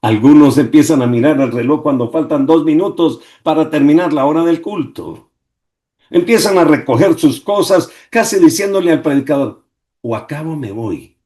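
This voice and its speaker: A man's voice: fairly high pitch, normal speed, warm tone. Man preaching a dramatic devotional. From Colombia. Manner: dramatic, rhetorical questions, swinging emphasis. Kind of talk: devotional sermon. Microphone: video call.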